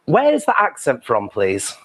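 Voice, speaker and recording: A man's voice: mid-range voice, wildly swooping pitch, moderate pace, husky. A man hosting an interview in a playful, teasing, camp manner. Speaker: host. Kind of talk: casual interview chat.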